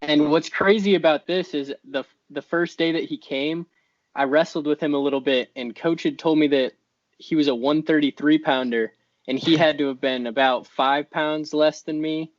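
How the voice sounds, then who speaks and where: A man's voice: on the high side, fairly even intonation, normal speed, dry recording, dull audio. A man, a teammate or co-host, recounting a story matter-of-factly in casual chat.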